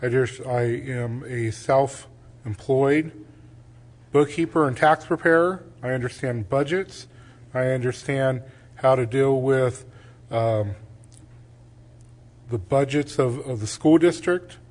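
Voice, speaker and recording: A man's voice: mid-range voice, takes it slowly, pauses often, darkish tone. A man giving a closing statement as a school board candidate, earnest and listing his qualifications in short phrases.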